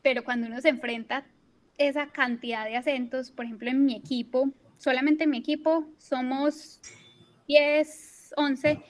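A woman's voice: sits high, fairly even intonation, normal speed. A young woman from Colombia answering interview questions in a casual, hesitant way, with frequent fillers and restarts. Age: young adult. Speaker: guest, climate risk analyst. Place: at work in Bermuda.

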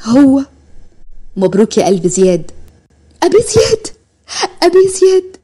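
A woman voicing an emotional young woman, the hero's younger sister, in an Egyptian Arabic accent, pitching her voice high and clinging in a narrated storybook tale. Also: steady tone, racing, warm tone, husky. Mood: tearful joy. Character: tearful young woman, a man's little sister.

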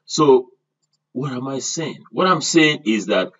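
A man's voice: medium pitch, lively intonation, slow pace, a bit bright, slightly rough, recorded from a distance, muffled recording. An older man giving a screen-share lesson, talking straight to his class and asking them to repeat after him. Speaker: online course instructor.

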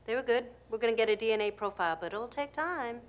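A woman acts a forensic doctor in her thirties in a TV crime drama. She is matter-of-fact, with a slightly high voice over background music. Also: animated, fast talker, lightly acted. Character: brisk, matter-of-fact female medical examiner.

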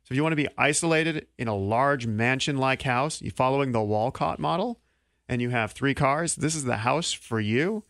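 A man in his thirties hosting a local radio talk show in a small studio, speaking into a studio mic with quick, joking delivery. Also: mid-range voice, fairly bright tone, no room sound. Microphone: studio mic on boom arm.

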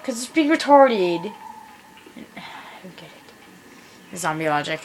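A young woman casually commentating a video game, hyper and laughing often, squealing into high pitches. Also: sing-song, measured pace, rough recording. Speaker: gameplay commentator. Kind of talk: casual let's-play commentary. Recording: background noise.

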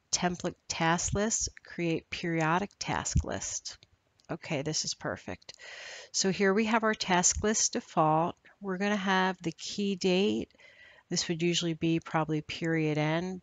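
A woman trainer walking through a screen-recorded software tutorial in a steady, instructional way. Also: on the low side, no room sound.

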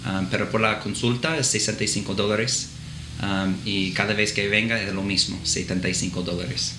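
Here the same kind of speaker, a man in his thirties working as a physician assistant, responds to interview questions in Spanish picked up in the Dominican Republic, his English-speaking American accent still evident. He has a lowish, steady voice at normal speed, hesitating and restarting frequently. The clinic office recording is reverberant with background noise.

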